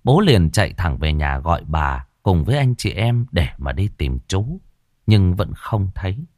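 A man narrating a rural ghost story with an expressive, dramatic delivery. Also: low voice, unhurried, dry recording, studio quality. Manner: expressive, rises and falls dramatically.

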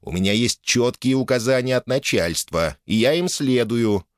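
Audiobook figure: weary, formal cleric, slow grudging delivery, read by a man. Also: medium pitch, lively intonation, dry recording, clean studio sound, pitched above the performer's own voice, lightly acted. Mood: stiff. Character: weary male church official, stiff and formal.

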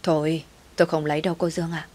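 A woman's voice: sits low, little pitch movement, fast talker, darkish tone. A woman reading the lines of an older, kindly housekeeper who speaks humbly and with care. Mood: caring. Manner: humble, caring.

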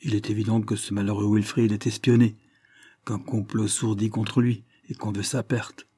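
A man voicing a stern, scornful gentleman who speaks curtly. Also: fairly low pitch, level tone, moderate pace, husky, no room sound. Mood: musing. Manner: curt, scornful.

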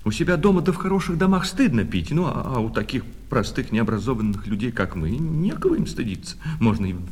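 An actor playing a fawning, hurt shop clerk in a radio adaptation of a classic short story talks fast, his mid-range voice slightly mellow and a bit rough, with big pitch swings. He alternates servile salesmanship with resentful, jealous reproach, while music plays in a reverberant hall.

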